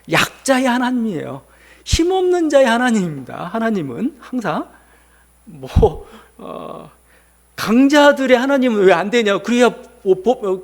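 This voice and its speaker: A male pastor giving a conversational sermon, posing rhetorical questions to the congregation. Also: sits high.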